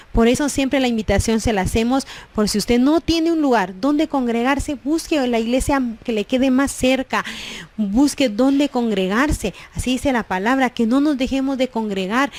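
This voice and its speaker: High-voiced woman preaching. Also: a little mellow. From Guatemala. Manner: constant "¿verdad?" tag questions, preachy. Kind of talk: sermon.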